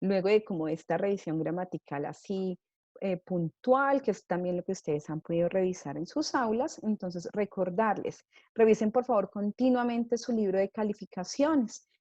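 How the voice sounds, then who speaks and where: A woman's voice: mid-range voice, moderate pace, warm tone, dry recording, highs cut off. A woman English teacher giving a grammar lesson, explaining patiently step by step and checking in with her students often.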